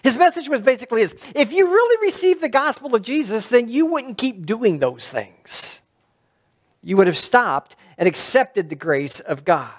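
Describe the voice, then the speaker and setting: A middle-aged man gives a sermon from a lectern in a church sanctuary, talking through a headset mic. His pitch rises and falls in a lively, animated way. He speaks conversationally and often turns statements into questions for the congregation. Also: normal speed. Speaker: pastor.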